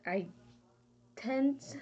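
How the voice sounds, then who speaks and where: A woman's voice: high voice, expressive, extremely slow, a little mellow, husky. A young woman from Texas giving a casual, rambling spoken answer for a class, often hunting for words and trailing off. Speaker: student. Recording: dull lo-fi home recording.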